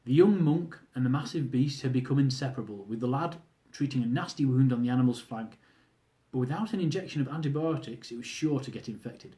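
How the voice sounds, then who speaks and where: A man with a mid-range, dark-toned voice reads his humorous travel memoir aloud, fairly quickly, in the manner of an audiobook. He narrates wryly and adds asides for those listening.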